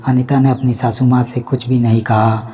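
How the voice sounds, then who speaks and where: Guy reading a moral story, super flat monotone, echoey room. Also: mid-range voice, normal speed, slightly rough. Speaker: narrator. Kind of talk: storybook narration.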